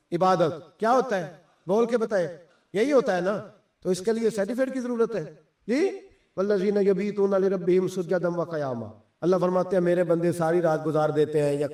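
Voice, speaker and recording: A man's voice: high-pitched, a little mellow, roomy sound, distant mic. A man preaching a sermon, firing rhetorical questions at his congregation.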